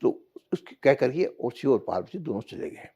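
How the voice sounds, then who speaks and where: A man telling a folk parable in casual, animated storytelling talk. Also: medium pitch, normal speed, breathy edge. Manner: animated folk-tale narration. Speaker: vlogger.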